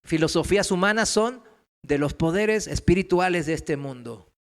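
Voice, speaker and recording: A male pastor preaching a sermon with speech, swinging between loud emphatic passages and quiet asides. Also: sits high, moderate pace, vocal fry.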